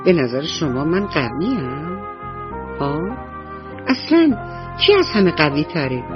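A woman's voice: low voice, very animated. A woman storyteller telling a bedtime story on children's radio, talking to the children directly in a sing-song way. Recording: slightly dull radio recording with soft music.

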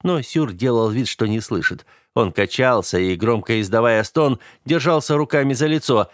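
A man narrating an audiobook in a steady, even storytelling manner. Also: medium pitch, normal speed, no echo, studio quality. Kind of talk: scripted narration.

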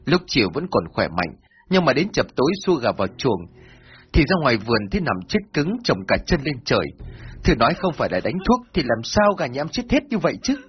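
A frantic village woman, high-pitched and wailing, stammering through her distress, as a male narrator puts her on. The voice is husky and lively, bouncing up and down. It comes through a dull, lo-fi recording with soft music underneath.

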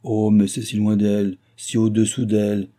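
A man voicing a gentle, timid young noblewoman who speaks softly. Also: fairly low pitch, monotone, normal speed, lightly acted. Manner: soft, timid and admiring.

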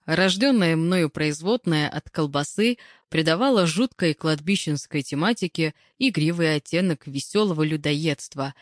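Female audiobook narrator, low voice, wry and expressive, dry close sound. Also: no echo. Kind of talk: first-person audiobook reading.

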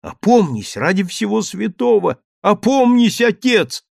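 Frightened young daughter, high, crying out, as a male narrator puts her on. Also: big pitch swings, takes it slowly, vocal fry, dry recording, clean studio sound, exaggerated voice. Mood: frantic pleading. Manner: cries out pleadingly.

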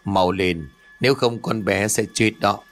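A man voicing a stern old male exorcist master in an audio ghost story, speaking urgently and gravely. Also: on the low side, a little slow, faint music behind.

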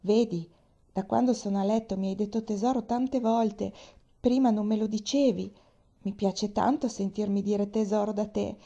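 A woman's voice: medium pitch, fairly even intonation, moderate pace, dark tone, lo-fi sound, voice pushed up, close to an everyday voice. A woman voicing Pollyanna, a cheerful, eager little girl in a storybook reading.

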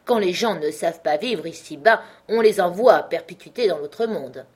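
A woman's voice: fairly low pitch, expressive, moderate pace, darkish tone, husky. A woman reading a witty, defiant young doctor. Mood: ironic. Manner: ironic, spirited, defiant.

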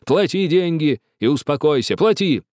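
A man voicing a crowd of excited Greek neighbors, shouting and scolding. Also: fairly high pitch, moderate pace, no room sound, clean studio sound, pitched above the performer's own voice, lightly acted. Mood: clamoring.

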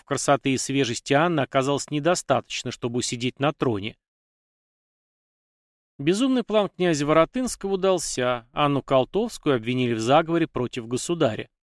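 A man reading a scripted history narration in an even, steady way with dramatic emphasis. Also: medium pitch, no room sound, studio quality.

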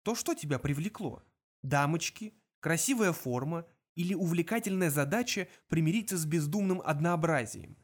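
A quick-witted alien schemer who talks urgently and sharply, as a man reads him. His voice is moderately high. It is performed as an audiobook character. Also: lively intonation, lightly acted. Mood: persuasive.

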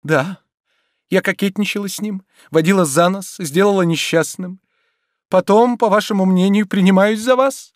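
An anguished young noblewoman, as a male narrator puts her on, her voice lifted high and strained with tears of shame. She pleads and protests in rising bursts. The sound is dry and close. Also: normal speed, creaky, dry recording. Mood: hurt. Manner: pleading, tearful, rising emotional pitch. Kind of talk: audiobook reading.

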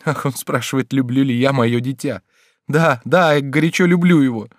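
A man's voice: medium pitch, flat delivery, normal speed, no echo, clean studio sound, pitched above the performer's own voice, lightly acted. A man voicing a distraught young countess in an audiobook, with a raised, strained pleading voice. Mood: entranced. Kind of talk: audiobook character reading.

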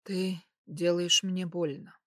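A woman voicing a young nobleman who speaks softly and persuasively, often in a near whisper, in an audiobook. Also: fairly low pitch, unhurried, dry recording, studio quality. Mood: tender. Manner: soft, hushed, whispering.

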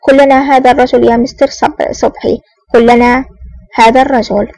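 A woman reading an elegant, smug and menacing man with a smooth, sly manner in an audiobook. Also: fairly high pitch, little pitch movement, a little fast, darkish tone, no echo, lightly acted, rough recording. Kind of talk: audiobook narration.

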